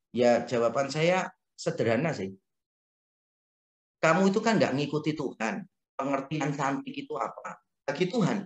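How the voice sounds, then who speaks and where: A male pastor with an Indonesian accent, preaching a lively, humorous sermon and acting out quotes. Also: a little high, reverberant. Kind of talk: sermon teaching.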